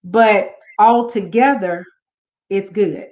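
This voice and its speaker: A woman on a church panel, talking in a thoughtful, unhurried way with many fillers and restarts. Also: mid-range voice, darkish tone, echoey room, lo-fi sound. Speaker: panel guest. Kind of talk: casual church panel talk. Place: church event room.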